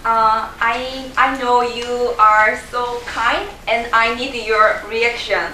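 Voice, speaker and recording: Before a live audience in a large room, a young Korean woman presents in Korean-accented English, quizzing the crowd and laughing a lot. Her slightly high voice is steady and sharp, and she takes her time; the echoey, distant recording holds slight background noise.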